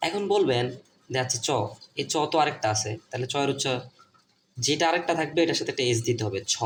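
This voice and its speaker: With slight noise in the background, a medium-pitched man with a Bangladeshi Bengali accent teaches at a board. Each point gets repeated, and he raises questions only to answer them himself.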